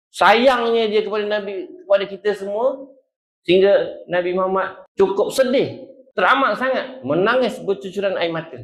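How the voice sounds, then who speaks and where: A man preaching a sermon with a Malaysian Malay accent, telling a story dramatically and acting out the quoted speech. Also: sits high. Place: small prayer hall. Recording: echoey prayer hall.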